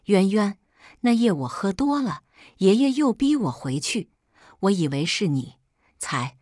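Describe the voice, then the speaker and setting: A woman's voice: lowish voice, sing-song, moderate pace, a little mellow, no echo, clean studio sound. A woman voicing an icy young tycoon. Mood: pleading. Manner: icy and contemptuous. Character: cold, scornful young male tycoon.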